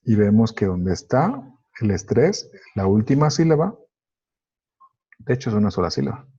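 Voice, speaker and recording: A man whose first language is Spanish, teaching an English grammar lesson, slowly working through each example step by step. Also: on the low side, big pitch swings, dark tone, husky. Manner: slow, methodical, explains step by step. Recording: dull lo-fi recording.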